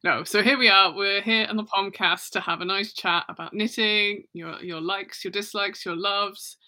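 Playful podcast host with a bright voice. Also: mid-range voice, fairly even intonation, normal speed. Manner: playful, joking, encouraging. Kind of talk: casual interview chat.

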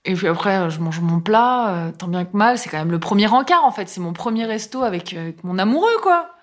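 A middle-aged woman with an average-pitched voice recounts a personal story in relaxed, everyday speech. She talks casually, drops in lots of fillers and tags, and slips into other people's lines as she goes. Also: a little fast. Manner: chatty, many fillers, acts out quoted dialogue. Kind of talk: casual spoken anecdote.

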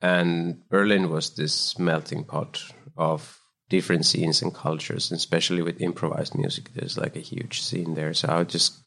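Low gravelly Finnish man. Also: level tone, a bit bright. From Finland. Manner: thoughtful, measured, loose phrasing. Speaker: guest, startup founder and composer. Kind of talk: casual interview chat.

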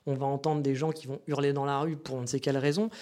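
A man's voice: mid-range voice, level tone, fast, dark tone. A man hosting a casual monologue, chatty and meandering, with frequent asides to his listeners. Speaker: podcast host.

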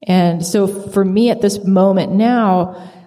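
A woman's voice: medium pitch, fairly even intonation, slow pace, warm tone. A woman panelist speaking earnestly and encouragingly to students. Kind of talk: live panel discussion. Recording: long hall reverb.

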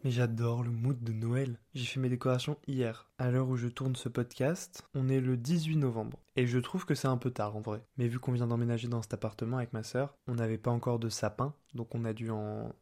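A man's voice: mid-range voice, level tone, fairly quick, hardly any pauses, warm tone. A young man hosting a casual solo podcast, chatty and playful, using slang and laughing often. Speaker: podcast host. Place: apartment.

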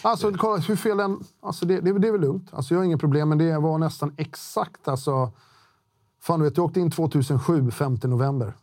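A man's voice: on the high side, a little mellow, dry recording, clean studio sound. A middle-aged man talking as a podcast guest, blunt and slangy, swearing freely and restarting often. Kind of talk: casual interview talk.

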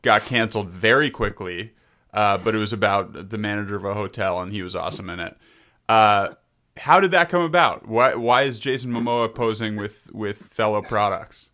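A man's voice: lowish voice, moderate pace, bright, forceful tone. A man hosting an interview, asking playful, wordy questions. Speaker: podcast host.

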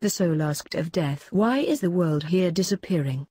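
Casting: actress as frightened mortal woman, solemn audio drama, soft dark tone, dry recording. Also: lowish voice, expressive, normal speed, breathy edge, no echo. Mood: fearful, mournful. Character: Vivienne, frightened actress facing her death. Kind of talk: dramatic verse audio reading.

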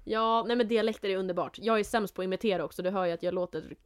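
A woman's voice: medium pitch, clean tone. Young woman co-host, casual chatty talk, laughs a lot. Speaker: podcast co-host. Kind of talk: casual chat.

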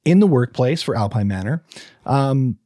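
A podcast host with a husky, dark-toned, mid-range voice tells a true crime case in a casual way, reading from notes, stumbling and restarting, and tossing in offhand asides. His intonation is lively at a normal speed, and the studio-quality sound has no echo.

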